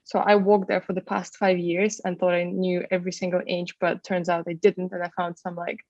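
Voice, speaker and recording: A woman's voice: lowish voice, flat delivery, brisk, a little mellow, no room sound. A young woman from Ukraine chats as an interview guest, peppering her talk with "um" and "like". The sound is dull and lo-fi, and the room is very dry. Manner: chatty, many fillers like "um" and "like". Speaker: guest, travel content creator and tour guide. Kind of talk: casual interview conversation.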